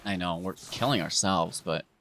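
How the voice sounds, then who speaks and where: A man's voice: sits low, moderate pace, a bit bright, slight background noise. A man giving casual, playful commentary over his own card game, teasing his opponent as he plays. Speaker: gaming video host.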